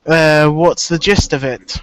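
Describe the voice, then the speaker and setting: A man's voice: on the high side, fairly even intonation, unhurried, clear, resonant tone, dry recording. A man hosting a casual live stream, talking in a laid-back, dry way. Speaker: stream host. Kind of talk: casual chat.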